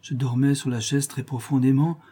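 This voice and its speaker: A man's voice: mid-range voice, flat delivery, moderate pace, warm tone, breathy edge, pitched above the performer's own voice, close to an everyday voice. A man voicing a frightened pleading mother. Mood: tender. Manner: pleading, anxious. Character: frightened, desperate poor mother, middle-aged.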